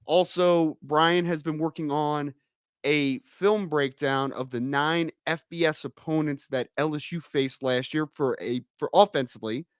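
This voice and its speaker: A man hosting a casual sports talk show, a bit hoarse from a cold and talking with emphatic energy. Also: a little high, unhurried, dry recording, clean studio sound. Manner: energetic, emphatic, hypes the audience. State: hoarse, slightly under the weather. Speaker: podcast host.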